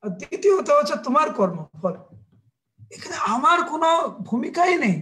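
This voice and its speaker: Man playing a weepy small boy in a sermon tale, innocent, pleading, high voice. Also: very animated, moderate pace, bright, forceful tone, heavily acted. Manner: pleading, naive excuses. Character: frightened tearful little boy, innocent.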